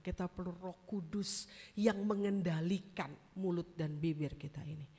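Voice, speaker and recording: A woman with an Indonesian accent preaching a sermon in a casual, conversational way, tagging her sentences with "ya" and calling the congregation "saudara-saudara". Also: mid-range voice. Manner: conversational, tags phrases with "ya" and "gitu", addresses "saudara-saudara". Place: large church hall. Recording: long church hall reverb.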